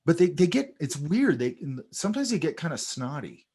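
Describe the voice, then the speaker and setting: A man teaching a sketching class in a relaxed, chatty way, telling stories while he points out details in drawings. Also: fairly high pitch, normal speed, slightly rough. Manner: animated, storytelling, talks over drawings. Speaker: art instructor. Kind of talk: casual teaching chat.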